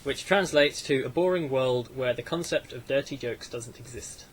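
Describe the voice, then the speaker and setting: A man's voice: medium pitch, normal speed. A man in a casual group chat, teasing and laughing, often tripping over his words. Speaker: guest co-host. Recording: crowd noise behind.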